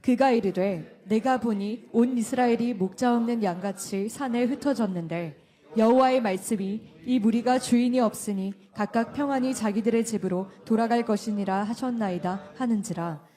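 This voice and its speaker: A woman reciting scripture aloud in a church service. Her voice is somewhat high yet mellow and dark in tone, with an even, measured delivery. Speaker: congregation member reading scripture. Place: church sanctuary.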